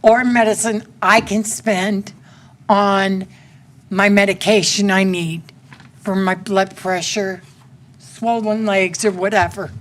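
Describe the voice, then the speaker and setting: Slow-talking pleading woman in her sixties. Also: mid-range voice, fairly even intonation. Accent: Central Texas. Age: 60s. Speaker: resident speaking at public comment. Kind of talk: public comment at a council meeting. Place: city council chamber. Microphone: podium microphone.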